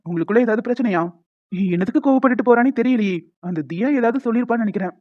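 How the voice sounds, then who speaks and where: A woman voicing a prying young male student who presses his professor in an animated story. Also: a little high, rapid-fire, narrow, tinny audio, close to an everyday voice. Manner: prying, insistent.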